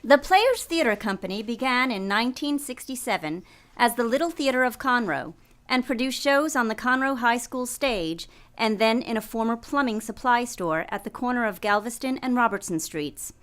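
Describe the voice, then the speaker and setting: A woman with a fairly high voice delivers a scripted announcement. She reads as a promotional narrator for a theatre company. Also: expressive, moderate pace, fairly bright tone.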